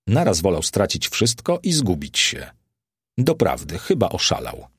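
A man's voice: low voice, wildly swooping pitch, measured pace, a bit bright, slightly rough, dry recording, clean studio sound, exaggerated voice. A man reading the part of a Roman courtier who wonders aloud in a puzzled, gossiping way.

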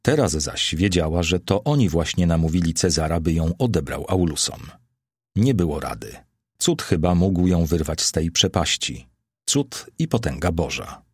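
A man narrating a classic novel as an audiobook, measured and solemn. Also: deep voice, lively intonation, darkish tone, husky, no echo, clean studio sound.

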